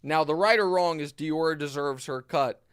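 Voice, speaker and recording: A man hosting a casual sports talk show, emphatic and animated, often restarting his sentences. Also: a little high, normal speed, smooth, dry recording, studio quality. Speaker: host.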